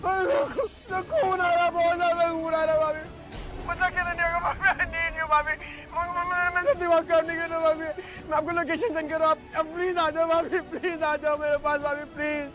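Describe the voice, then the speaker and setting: A man's voice: extremely high pitch, completely flat delivery, unhurried, fairly bright tone, some chatter behind, full character voice, low-quality recording. An Indian actor playing a panicked, tearful young man who stammers and repeats himself as he pleads in a TV soap, with music and street bustle behind him. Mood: distraught. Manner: stammering, repetitive begging. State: distraught, tearful. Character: panicked young man pleading for his sister-in-law's help. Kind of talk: melodramatic TV soap acting.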